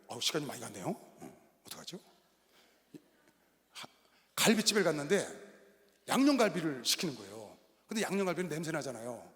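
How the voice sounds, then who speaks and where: A middle-aged man preaching a sermon as pastor, telling stories with animated delivery and sudden bursts of shouting. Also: on the high side. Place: large arena hall. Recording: long reverb of a large arena hall.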